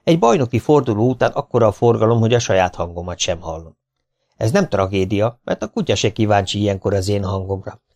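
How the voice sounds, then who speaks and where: A man's voice: lowish voice, very animated, a little mellow. A man reading a memoir aloud as an audiobook, in a dry, wry storytelling manner. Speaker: audiobook reader.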